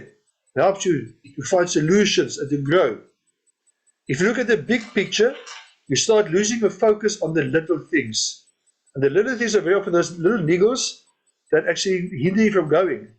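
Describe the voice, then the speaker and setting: A man with a high-pitched voice leads an informal training session. He keeps his points simple and repeats them, with a little laugh at his own jokes now and then. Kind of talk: training talk on network marketing events.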